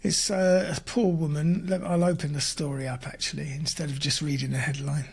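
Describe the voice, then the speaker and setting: A man's voice: a little high, little pitch movement, a little fast, creaky, darkish tone, slightly rough. A man co-hosting a podcast in casual chat, blunt and sarcastic, swearing freely. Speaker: podcast co-host.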